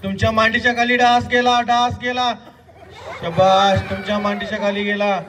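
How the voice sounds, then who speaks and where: A man's voice: sits high, monotone, moderate pace, fairly bright tone, recorded from a distance, lo-fi sound, a faint crowd. A man leading a stage hypnosis show, giving commanding, repeated orders and counting aloud to volunteers. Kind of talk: hypnosis show instructions to a crowd.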